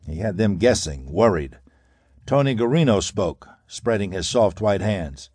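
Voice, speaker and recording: A man narrating a 1930s pulp crime thriller audiobook in a dramatic, measured way. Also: lowish voice, expressive, darkish tone, husky, dry recording, clean studio sound.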